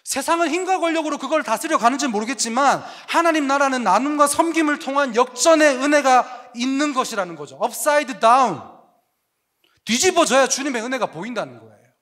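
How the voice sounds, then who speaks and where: A male pastor preaching a sermon to young adults, animated and joking, with lots of rhetorical questions. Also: very high-pitched, quick pace.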